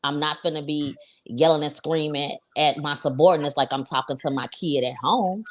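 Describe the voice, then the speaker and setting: A woman's voice: deep voice, steady tone, moderate pace, a little hiss or hum. A woman in her forties talking in a casual podcast chat, firm and matter-of-fact. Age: 40s.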